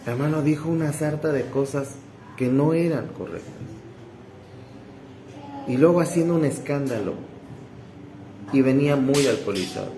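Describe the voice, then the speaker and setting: A man's voice: a little high, moderate pace, pauses often, dark tone, echoey room, a little hiss or hum, poor audio. A man pastor, preaching emphatically and talking straight to the congregation. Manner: emphatic, repetitive, addresses listeners as brother. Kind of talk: sermon. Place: church hall.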